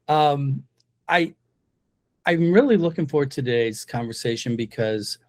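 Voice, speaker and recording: A man's voice: on the high side, slow, darkish tone. A man hosting a podcast interview, jokey and chatty with many fillers. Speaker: podcast host. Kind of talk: casual interview conversation.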